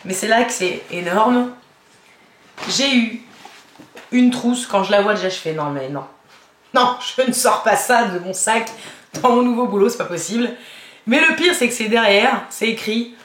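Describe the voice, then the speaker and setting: A woman's voice: mid-range voice, a bit bright. Chatty giggly young woman vlogger. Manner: chatty, giggly, rambling with many fillers. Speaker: beauty vlogger. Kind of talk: casual haul chat. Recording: echoey room with faint noise.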